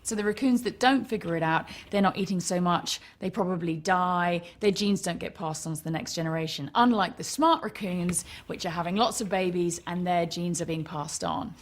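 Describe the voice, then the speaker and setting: A woman with a lowish voice speaks as a documentary presenter. She explains in a conversational, unscripted way. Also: moderate pace, few pauses.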